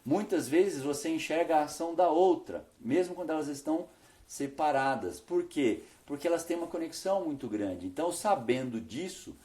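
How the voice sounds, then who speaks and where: A man's voice: fairly high pitch, animated, normal speed, mellow. A male veterinarian teaching business tips in an instructional video, often asking himself questions and answering them.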